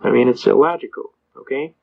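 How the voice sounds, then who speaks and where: A man's voice: mid-range voice, fairly quick, gravelly, phone-quality sound. An older man and Vietnam veteran talking in a rambling, folksy storytelling way, with plenty of "uh" fillers. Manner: folksy, anecdotal, acts out quoted voices. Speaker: speaker giving advice on citizens' rights.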